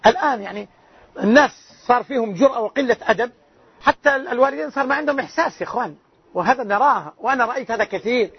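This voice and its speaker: A loud-voiced man teaching a religious lesson as a sheikh, quizzing his listeners with rhetorical questions. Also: very high-pitched, very fast, slightly rough, no echo. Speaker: sheikh teaching a hadith class. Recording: dull lo-fi lecture recording.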